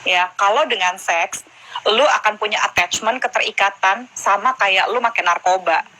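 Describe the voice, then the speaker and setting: A woman's voice: medium pitch, normal speed, bright, forceful tone, rough recording. A woman, a guest in a casual live stream chat, explaining frankly and acting out conversations with her daughter. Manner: frank, explanatory, acts out dialogue. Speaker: guest, mother of a teenage daughter.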